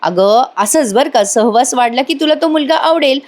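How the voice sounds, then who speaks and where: A woman voicing a fond middle-aged father who calmly reasons with his daughter. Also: sits high, moderate pace, voice pushed up. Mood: coaxing. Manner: gently persuading, lecturing.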